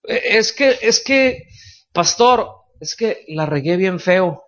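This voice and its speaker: A desperate, stammering churchgoer, as a man puts him on pleads in a voice pitched high and strained. The believer sounds loud and full of guilt. The recording is dull and lo-fi. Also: expressive, slow pace, exaggerated voice. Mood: anguished. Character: anguished guilt-ridden churchgoer pleading with pastor.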